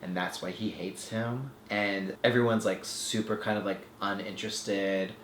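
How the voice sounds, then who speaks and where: A man's voice: on the low side, steady tone, a little slow, reverberant, music in the background. Sarcastic man recapping a film. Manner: sarcastic, acts out the characters. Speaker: film podcast host.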